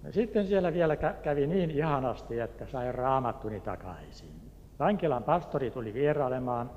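A man's voice: medium pitch, lively intonation, darkish tone, long reverb tail, dull audio, slight background noise. An older man from Turku, Finland, telling a personal faith story in an earnest way, with hesitations. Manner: earnest, with hesitations and acted quotes. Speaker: speaker giving a faith testimony.

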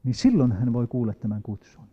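A man preaching a sermon, reading scripture slowly and rising into emphatic, loud appeals. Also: medium pitch, animated, breathy edge. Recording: dull lo-fi recording with long hall reverb.

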